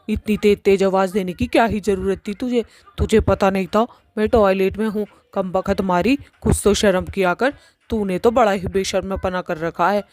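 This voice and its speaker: A woman's voice: medium pitch, darkish tone, no room sound, natural voice. A woman voicing a cranky, foul-mouthed mother witch in a cartoon, who scolds and curses. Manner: scolding, cursing insults.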